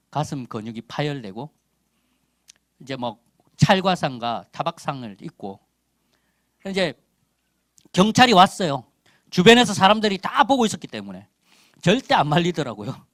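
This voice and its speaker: Emphatic high-voiced male preacher. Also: no echo, studio quality. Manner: emphatic, swings between loud calls and quiet asides. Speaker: missionary preacher. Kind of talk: sermon with personal testimony.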